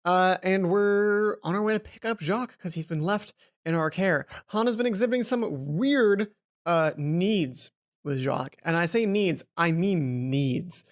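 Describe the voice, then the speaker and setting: With music in the background, a medium-pitched let's play host performs visual novel text aloud, adding commentary. The delivery is theatrical and expressive, leaning on long, stretched-out emphasis.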